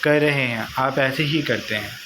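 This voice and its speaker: A man's voice: mid-range voice, moderate pace, close to an everyday voice. A man reading as a sulky teenage wife. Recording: noisy home recording.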